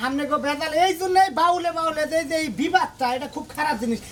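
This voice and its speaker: A woman's voice: high-pitched, fast talker, slight background noise, close to an everyday voice. A woman playing an outspoken village sister-in-law in a rustic comedy, scolding and lecturing. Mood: bossy. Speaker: sister-in-law arranging song lessons.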